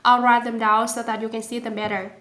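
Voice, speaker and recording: Woman teacher, Vietnamese accent, slightly high voice, careful drilled sounds. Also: level tone, echoey room, noisy background. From southern Vietnam. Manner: slow and careful, repeating sounds aloud. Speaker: language teacher. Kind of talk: pronunciation lesson.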